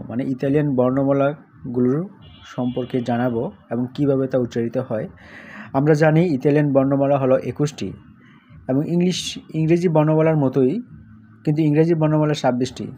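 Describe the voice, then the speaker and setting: A man's voice: mid-range voice, mellow. A man giving a casual language lesson, saying letters one at a time and comparing them with English. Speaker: language teacher. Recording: dull lo-fi sound with faint background hiss.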